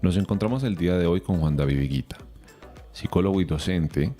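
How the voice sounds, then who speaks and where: Male interview host, very low and warm, formal and measured, faint music under. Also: animated. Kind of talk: radio podcast interview.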